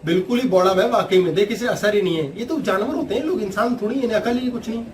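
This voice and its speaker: A man's voice: sits high, fast talker, recorded from a distance, slight background noise, close to an everyday voice. A man voicing a scornful young woman who mocks and insults a passer-by. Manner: sneering, insulting.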